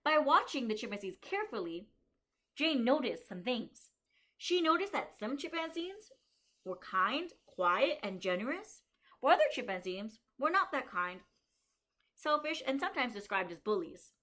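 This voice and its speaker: With a fairly high pitch, big pitch swings, and a pushed, bright sound, a woman reads a picture book aloud to young kids in her kindergarten class. She slows down to stress the key story lines and stops to think aloud and explain what the author and illustrator show.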